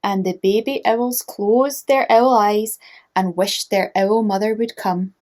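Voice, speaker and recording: Slow, gentle woman storyteller. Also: medium pitch, steady tone. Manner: gentle, inviting listeners to join in. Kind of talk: children's storybook narration.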